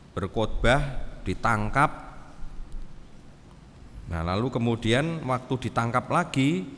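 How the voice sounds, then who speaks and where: A man preaches a sermon, telling the story animatedly and switching into character voices for the dialogue. His voice sits at an ordinary middle pitch. The recording carries a long church-hall reverb and a faint hum of room noise. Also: a bit bright. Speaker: pastor.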